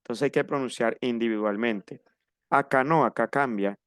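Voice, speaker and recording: Male teacher, patient, spells things out, crisp close voice. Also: medium pitch, a bit bright, dry recording. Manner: slow, patient, spells out pronunciation. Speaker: French teacher. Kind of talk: online class instruction.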